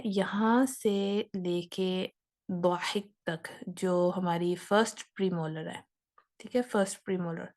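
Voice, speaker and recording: Woman, patient recitation teacher who demonstrates sounds slowly and repeats them. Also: medium pitch, a little mellow. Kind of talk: explanatory lesson.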